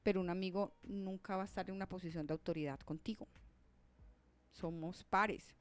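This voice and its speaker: A woman's voice: lowish voice, steady tone, moderate pace, clean tone. A woman psychologist with a Colombian accent giving an explanatory talk on parenting. She checks in with her listeners often and repeats words for stress. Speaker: clinical psychologist. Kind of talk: parenting talk on an online show.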